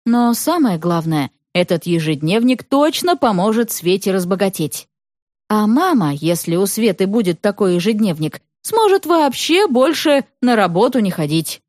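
A woman narrating a storybook in an expressive reading style. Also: medium pitch, normal speed, dry recording, clean studio sound.

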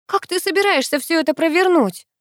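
A woman's voice: sits high, sing-song, normal speed, no room sound, studio quality, pitched above the performer's own voice. A woman voicing a cheeky, teasing teenage girl in an audiobook. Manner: sassy, teasing. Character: cheeky teenage girl, the narrator's younger sister.

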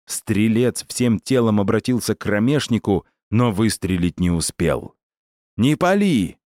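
A man reading a story aloud in a measured, even audiobook narration. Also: lowish voice, no room sound, clean studio sound.

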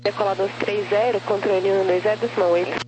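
A Brazilian woman with a medium-pitched voice works as an air traffic controller. Her callouts are clipped and procedural, carried on aviation radio with faint noise. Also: fairly even intonation, fast. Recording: faintly noisy humming radio.

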